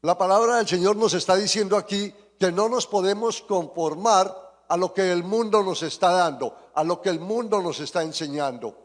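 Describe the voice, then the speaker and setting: Male preacher, fervent prayer and sermon delivery, slightly high pitch, reverberant sanctuary. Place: church sanctuary. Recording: long church reverb.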